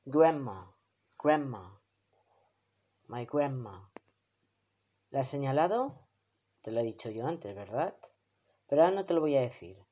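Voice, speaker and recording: Slow, singsong teacher. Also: medium pitch, animated, dark tone, highs cut off. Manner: patient, repeats each word slowly for the child; encouraging, praises often. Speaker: English teacher for children. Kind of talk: children's vocabulary lesson.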